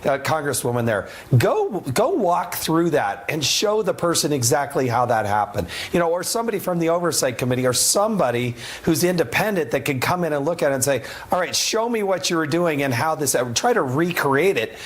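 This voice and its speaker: A middle-aged man, a former congressman, speaking as a TV guest with a raspy voice, often stumbling and repeating words as he starts sentences. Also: a little high, sing-song, fairly quick, hardly any pauses. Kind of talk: TV interview.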